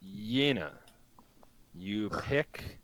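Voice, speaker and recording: A man's voice: fairly low pitch, animated, very slow, a crowd in the background. A man serving as game master, casually narrating a tabletop role-playing session.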